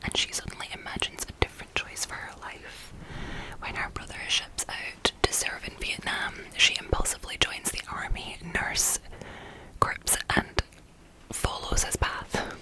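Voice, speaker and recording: A woman speaking in a soft, unvoiced whisper, unhurried and informal, as an ASMR host chatting and reading about books. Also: poor audio.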